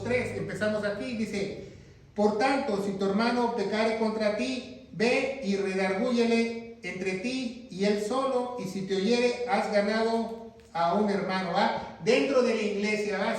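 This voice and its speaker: A male pastor teaching a Bible class who keeps asking his listeners questions and then answering them himself. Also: high voice. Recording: echoey room, mic far off.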